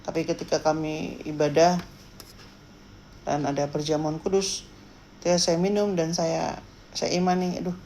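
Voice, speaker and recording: A woman's voice: low voice, unhurried, pauses often, a little hiss or hum. A woman preaching a sermon, animatedly acting out the story. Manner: animated, acts out scenes with shifting voices.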